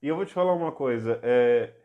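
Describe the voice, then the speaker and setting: A man's voice: medium pitch, animated, fairly quick, narrow, tinny audio. A middle-aged Brazilian man, a bishop, giving an earnest personal testimony on a church podcast that turns fervent when he tells of miracles. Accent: Brazilian Portuguese. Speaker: bishop, guest.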